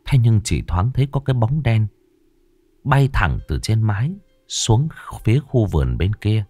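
Low-voiced man narrating a story. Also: big pitch swings, measured pace, mellow, faint music behind. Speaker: audiobook narrator.

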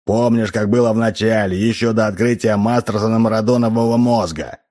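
A man's voice: fairly low pitch, fairly even intonation, a little fast, darkish tone, voice pushed up, natural voice. A man reading an audiobook, voicing a weary, embittered male station chief who speaks bluntly. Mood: bitter. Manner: blunt, bitter.

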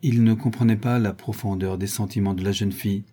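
A man reading a novel aloud as narrator in a calm, measured way. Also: lowish voice, slightly rough. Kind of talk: audiobook reading.

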